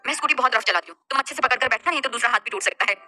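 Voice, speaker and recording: Woman doing a bold teasing young woman, caring, quick, bright, high. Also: faint music behind. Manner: teasing, direct.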